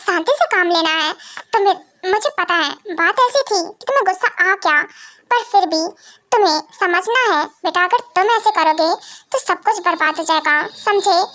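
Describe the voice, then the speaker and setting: A woman's voice: very high-pitched, sharp tone, exaggerated voice. Brief: woman reading a protective vampire mother, motherly and firm, fan drama. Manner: soothing then scolding. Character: caring scolding vampire mother.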